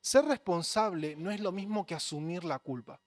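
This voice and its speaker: Man, Rioplatense accent, pastor, conversational sermon, fairly high-pitched. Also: moderate pace, no echo. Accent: Rioplatense Spanish. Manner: earnest, conversational preaching with acted quotes.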